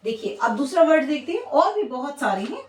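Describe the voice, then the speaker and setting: A woman's voice: high voice, very animated, fairly quick. A woman with an Indian accent teaching English pronunciation in Hindi, stopping again and again to check the class is following. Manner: repetitive, checks in with "theek hai". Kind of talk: classroom lesson. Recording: roomy echo from a distance.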